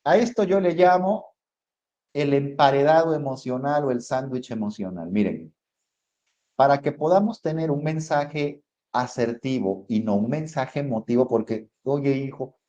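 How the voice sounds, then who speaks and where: A man's voice: medium pitch, lively intonation, moderate pace, warm tone, muffled recording. A man with a Mexican accent, a psychologist giving a conversational motivational talk full of rhetorical questions. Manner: conversational, asks rhetorical questions, addresses audience as friends. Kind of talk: motivational lecture.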